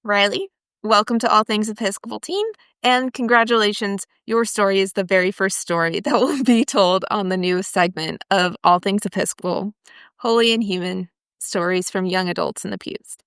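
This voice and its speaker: Young woman, podcast host, smooth voice, dry close sound, casual enthusiastic chat. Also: mid-range voice, moderate pace, dry recording. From Florida. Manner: enthusiastic, warm storytelling.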